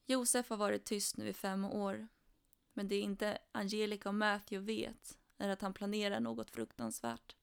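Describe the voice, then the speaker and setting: A woman narrating a true crime story in a steady, flat retelling. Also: mid-range voice, vocal fry, clear, resonant tone.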